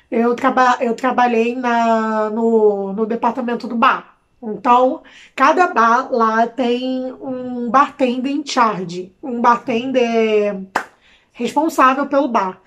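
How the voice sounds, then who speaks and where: A young woman from Brazil chats to camera in a high, bright-pitched voice, with a Brazilian Portuguese accent. She is expressive and talkative, dropping slangy asides as she goes. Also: takes it slowly. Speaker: vlogger. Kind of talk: casual chat to camera.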